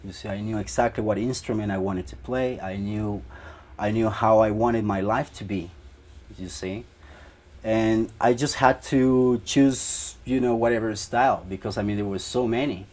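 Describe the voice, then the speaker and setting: Young man from Ecuador, low voice, interview answers, rambling, lots of fillers. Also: normal speed, a little mellow. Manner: rambling, many "you know" fillers. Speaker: band guitarist.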